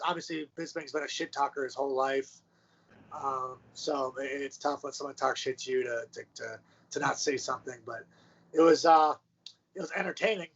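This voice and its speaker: A man co-hosts a casual sports show in an easygoing way, with frequent fillers and loose phrasing. His voice is on the higher side. The sound is muffled, as if recorded on lo-fi gear. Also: a bit bright. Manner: laid-back, frequent fillers. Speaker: podcast co-host. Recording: muffled lo-fi audio.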